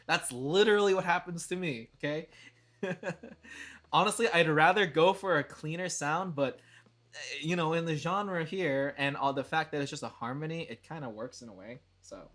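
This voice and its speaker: Young guy streaming, chatty and giggly, swears a bit, pretty bright voice. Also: on the high side. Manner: chatty, laughs often, swears casually. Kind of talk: casual livestream chat.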